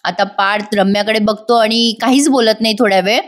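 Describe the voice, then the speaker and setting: A woman's voice: medium pitch, fairly even intonation, fairly quick. A woman with a Marathi accent narrating a voice-over recap of a TV serial, retelling the scenes and acting out the characters' lines. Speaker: TV serial reviewer.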